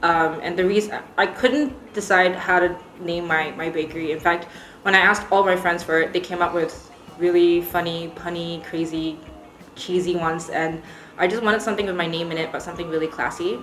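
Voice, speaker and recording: A young Singaporean woman with an American accent, a baker, chats through interview questions with frequent ums and easy laughter. Her voice is lowish, steady, and fairly bright at a moderate pace, captured in an echoey room with music playing.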